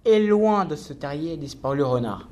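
A man reads a rhymed children's story aloud, clear and rhythmic. His voice sits a little high for a man. He keeps the verse moving at an even pace. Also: normal speed, dull audio. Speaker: narrator. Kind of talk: storybook narration.

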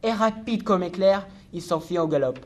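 A man reads a rhymed children's story aloud, clear and rhythmic. His voice sits a little high for a man. He keeps the verse moving at an even pace. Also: normal speed. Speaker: narrator. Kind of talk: storybook narration.

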